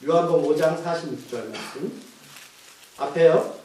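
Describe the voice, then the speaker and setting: A male pastor giving an animated sermon, often putting questions to the congregation. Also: on the high side, normal speed, slight background noise. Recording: echoey church hall from far off.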